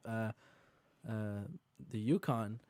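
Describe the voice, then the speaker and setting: Male podcast host, warm mellow tone, dry close sound, lively storyteller. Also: fairly low pitch, takes it slowly, smooth, no room sound. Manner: animated storyteller, acts out quotes, laughs often. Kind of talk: casual podcast conversation.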